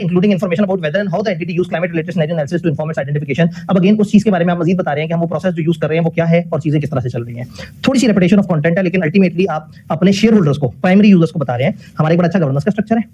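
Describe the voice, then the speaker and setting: A man's voice: high voice, warm tone, slightly rough, muffled recording. A man giving a classroom lecture. He puts questions to the class, answers them himself, and mixes English technical phrases into his talk.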